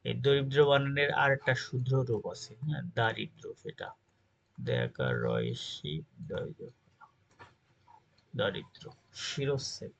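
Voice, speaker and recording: A man's voice: mid-range voice, huge pitch swings, a little slow, creaky, poor audio. A man teaching an exam-prep grammar lesson, reading out word lists and often checking in with his listeners. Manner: reads word lists, checks in with "ঠিক আছে?".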